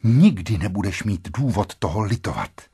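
A man's voice: on the low side, lively intonation, dark tone, slightly rough, dry recording, clean studio sound, heavily acted. A man reading an audiobook voices a frightened young wife who begs her husband desperately. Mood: pleading, frightened. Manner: imploring, breathless urgency.

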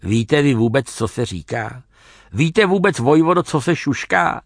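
A man's voice: medium pitch, expressive, no room sound, studio quality. A man voicing a bold young woman warrior who teases and needles with blunt questions. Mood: mocking.

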